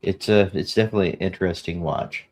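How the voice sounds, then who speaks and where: A man's voice: low-pitched, fast talker, vocal fry, darkish tone. A man hosting a casual podcast chat, laid-back and rambling with lots of fillers. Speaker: podcast host.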